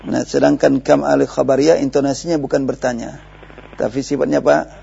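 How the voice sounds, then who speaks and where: A man's voice: medium pitch, steady tone, a little fast, creaky, dark tone, breathy edge. A man with an Indonesian accent teaching Arabic grammar in a recorded lesson, patiently explaining and quizzing his student step by step. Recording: dull lo-fi radio broadcast with faint hiss.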